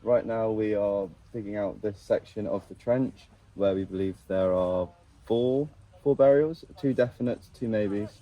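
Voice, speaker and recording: A young man, an archaeology student, describing his trench clearly with a few fillers. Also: fairly low pitch, unhurried, highs cut off. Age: young adult. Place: outdoor excavation trench.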